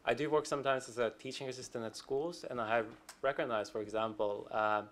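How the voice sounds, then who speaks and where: A man's voice: mid-range voice, fairly even intonation, brisk, a bit bright. Man in his thirties on a panel. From Finland. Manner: conversational, many fillers and restarts. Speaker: conference panelist. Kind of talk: panel discussion answer. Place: conference hall.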